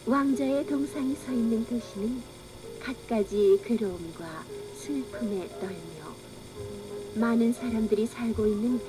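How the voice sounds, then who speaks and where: A woman with a high voice narrates a children's storybook. Her scripted reading is measured and earnest, on an old cassette with clear music behind her. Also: low-quality recording.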